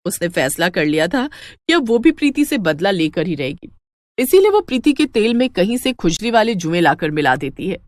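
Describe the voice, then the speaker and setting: A woman's voice: mid-range voice, dry recording, clean studio sound. A woman narrating a cartoon moral story in scripted storybook style. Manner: lively, expressive.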